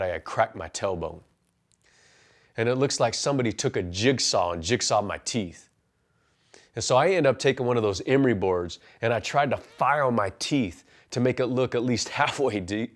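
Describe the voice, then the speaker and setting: Speaking at a normal speed in a voice on the low side, a pastor and life coach in his forties recounts his personal testimony with earnestness. He then turns to motivational talk, offering punchy advice.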